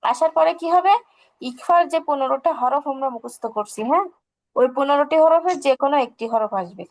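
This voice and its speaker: High, gravelly female tajweed teacher. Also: a little fast, poor audio. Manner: patient, asks questions and answers them herself. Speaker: Quran recitation teacher. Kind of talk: online tajweed lesson.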